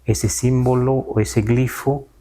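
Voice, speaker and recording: A man interviewing a guest and asking his questions in measured, deliberate phrases. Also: medium pitch, fairly even intonation, warm tone. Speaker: interviewer and language teacher.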